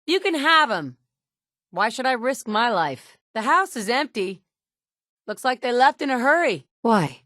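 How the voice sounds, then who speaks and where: In a studio booth, an actress in her thirties voices the player character of a video game, a tough, wry woman survivor, speaking bluntly and matter-of-factly into a studio mic. Her voice is fairly high, sing-song, a little slow, pushed and bright, fully in character, with no room sound.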